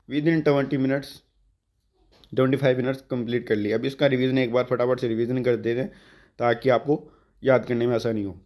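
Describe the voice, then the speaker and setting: A man teaching English vocabulary for exams, explaining words in Hindi and drawing out the English definitions slowly. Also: medium pitch. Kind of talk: exam-prep vocabulary lesson.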